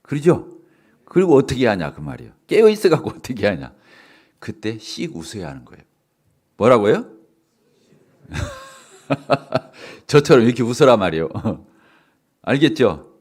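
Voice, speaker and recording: A middle-aged male pastor giving a sermon in a church, animated, asking the congregation questions and laughing often. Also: mid-range voice, a little slow, pauses often, slightly rough. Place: church sanctuary.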